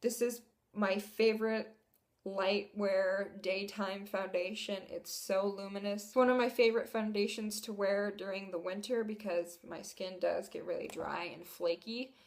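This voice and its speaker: A young woman talks through her makeup purchases in a relaxed, chatty way. She sounds enthusiastic and easygoing, with a mid-range voice. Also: mid-range voice, a little slow. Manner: chatty and enthusiastic, laughs at herself. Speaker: beauty vlogger. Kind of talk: casual product haul review.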